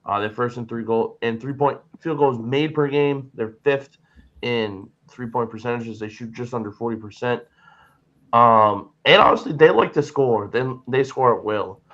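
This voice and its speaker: A man's voice: mid-range voice, normal speed, fairly bright tone, dull audio. A sleepy man in casual betting chat, reeling off team stats before he makes his pick. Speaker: co-host.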